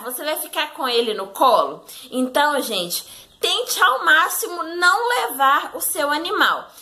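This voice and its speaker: Brazilian woman, etiquette vlogger; high, bright, chatty, talks straight to viewers. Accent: Brazilian Portuguese. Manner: chatty, keeps addressing the audience directly. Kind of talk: casual advice talk to viewers.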